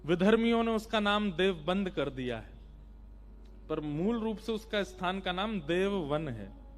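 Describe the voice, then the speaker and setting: A man's voice: high voice, lively intonation, unhurried. A man telling a devotional story sermon, emphatic and addressing the listeners directly. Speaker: kathavachak storyteller-preacher.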